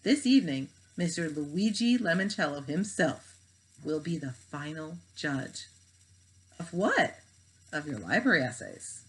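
Brief: a woman playing a strict teacher, measured and proper, storybook reading. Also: low voice, very animated, husky, exaggerated voice, poor audio. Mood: stern. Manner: stern, proper. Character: stern middle-aged female homeroom teacher.

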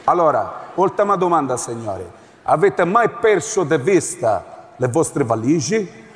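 A man's voice: on the high side, very animated, unhurried, slight background noise. A man voicing a fussy, officious male airport security guard who speaks broken Italian and keeps repeating his demands, on a live stage. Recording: live theatre stage, echoing, audience.

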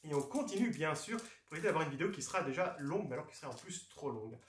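A man's voice: a little high, animated, rapid-fire, a little hiss or hum. A man hosting a card game channel, giving a casual unboxing commentary full of playful, jokey asides. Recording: echoey room.

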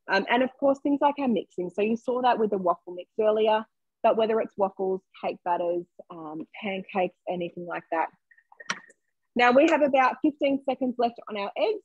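A young woman leading a live cooking demonstration from a home kitchen, speaking in a friendly, chatty way and inviting viewers to comment. Her voice comes across slightly husky and very dry. The sound is a little dull and muffled, like a webcam on a video call. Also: medium pitch, no echo. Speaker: cooking demo presenter.

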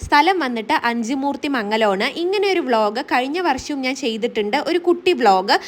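Brisk high-voiced woman vlogger. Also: lively intonation. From Kerala, India. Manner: chatty, ends sentences with friendly tags. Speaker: family vlogger. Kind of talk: casual vlog voice-over narration.

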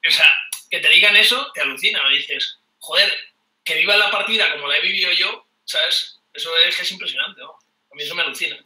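This board game YouTuber's guest spot comes through a webcam mic in a small home room, roomy and off-mic, with him recorded from a distance. He's a Spaniard in his thirties whose high, pushed, bright voice moves fairly quickly. He chats casually, telling energetic stories and laughing often.

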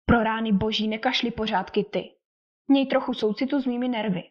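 A woman voicing a fussy, excitable middle-aged mother with fretful nerves in an audiobook. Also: fairly high pitch, lightly acted. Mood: irritated. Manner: fretful, indignant, gushing. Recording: dull lo-fi recording.

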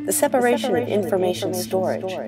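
A woman's voice: mid-range voice, expressive, brisk. A woman giving scripted educational narration in a formal, declarative way. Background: guitar music.

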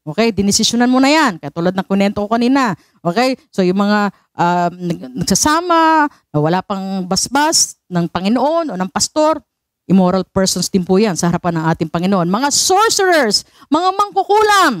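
A woman's voice: medium pitch, big pitch swings, moderate pace, no echo, clean studio sound. A woman pastor with a Filipino accent preaching a sermon, switching between Tagalog and English and calling on the congregation for affirmation. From Philippines.

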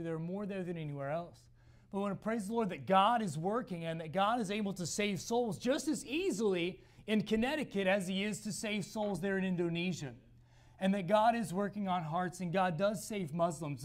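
Hoarse young male missionary, high-pitched, halting delivery with frequent restarts. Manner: halting, repeats words often. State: hoarse, losing voice. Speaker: missionary speaker. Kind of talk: church missions talk.

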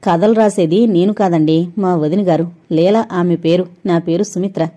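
A woman's voice: fairly low pitch, steady tone, dark tone, natural voice. Witty young woman, read by a woman narrator. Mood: teasing. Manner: playful, quick retorts.

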